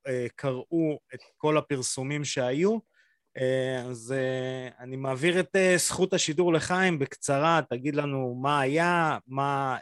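Halting man hosting a podcast. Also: mid-range voice, no room sound, studio quality. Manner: relaxed, halting, lots of filler sounds. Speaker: podcast host. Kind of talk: casual podcast chat.

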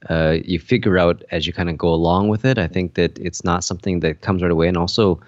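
Casting: low male podcast co-host, rambling casual talk, dry dull-sounding recording. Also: fairly even intonation, quick pace, no room sound. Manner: rambling, many fillers and restarts. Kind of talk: casual chat.

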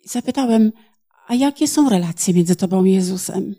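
A woman's voice: mid-range voice, expressive, normal speed, warm tone. A woman interpreting a sermon phrase by phrase, in a plain manner with small hesitations.

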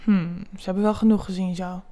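A woman voicing a playful young adult male lover, speaking in a soft, hushed murmur within her story. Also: on the low side, fairly even intonation, a little fast, lightly acted. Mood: teasing murmur. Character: young adult man, playful lover who teases softly.

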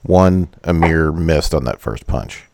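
Very deep gravelly man hosting a podcast. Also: animated, slow pace, darkish tone, dry recording. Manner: joking, swears freely. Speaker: podcast host. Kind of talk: casual chat.

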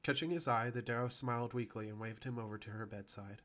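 A man reading a science fiction story aloud as a podcast narrator, telling it in a steady, even way. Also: mid-range voice, fast. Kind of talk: scripted narration.

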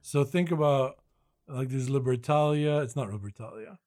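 A man's voice: medium pitch, normal speed, a crowd in the background. A man co-hosting a board game podcast, chatting in a casual, teasing way and laughing often. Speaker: podcast co-host. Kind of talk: casual chat, game show banter.

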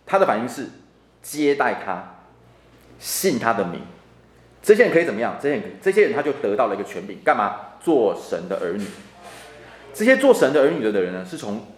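A man's voice: mid-range voice, roomy sound. A man teaching a Bible class as a deacon, talking in a chatty way and repeating words for emphasis. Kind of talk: lively classroom Bible lecture. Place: church classroom.

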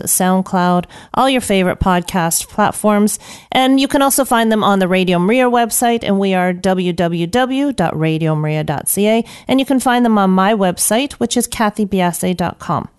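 Woman, radio show host, chatty, rambling, smooth resonant voice. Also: medium pitch. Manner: chatty, rambling, laughs often. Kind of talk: live radio health show chat.

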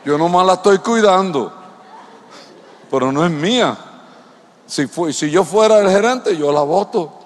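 Male pastor, fairly high voice, preaching in a church with long hall echo, keeps asking the crowd questions. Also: expressive, a little slow, long pauses. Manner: rhetorical questions to the congregation. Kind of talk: sermon.

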